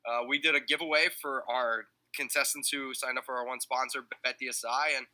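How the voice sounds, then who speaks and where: A man's voice: mid-range voice, level tone, fairly quick, bright, forceful tone, rough recording. A man who is a guest on a sports podcast, breaking down players in casual, analytical chat.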